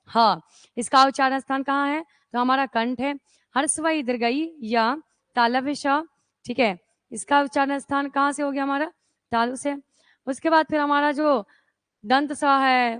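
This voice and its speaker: A young woman with a high voice teaches an exam-prep class. She poses questions and answers them herself, checking in with "okay" again and again. The recording is dry, with no room sound. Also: fairly bright tone, no room sound. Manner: repeats "okay" and "isn't it" as checks.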